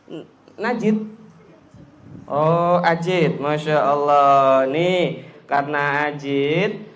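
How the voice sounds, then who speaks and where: A man with a highish, slightly bright voice draws out his words as he gives a playful talk to children in a school hall. Using a handheld microphone, he teases them and leads call-and-response chants.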